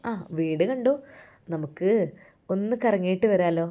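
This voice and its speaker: A woman voicing a gentle young husband who talks softly and reassuringly. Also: fairly low pitch, normal speed, close to an everyday voice.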